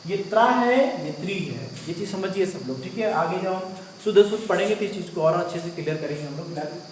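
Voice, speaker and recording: A man's voice: sits high, animated, fast. Male teacher quizzing a class through a grammar lesson, a faint hum of room ambience behind him. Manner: asks questions to the class, repeats answers. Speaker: Hindi teacher. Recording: echoey room, mic far off.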